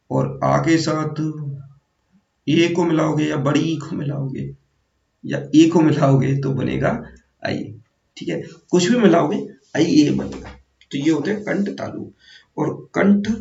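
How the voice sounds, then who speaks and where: A man's voice: medium pitch, vocal fry, a little mellow. A male teacher giving an exam-prep grammar lesson, explaining step by step, calling viewers friends and correcting himself as he goes. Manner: explanatory, repeats 'theek hai' and 'hai na'. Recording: echoey room, distant mic, dull sound.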